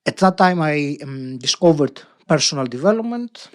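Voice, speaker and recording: A man's voice: a little high, lively intonation, normal speed. Man in his fifties, reflective. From Greece. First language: Greek. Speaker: podcast guest, coach. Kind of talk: interview answers.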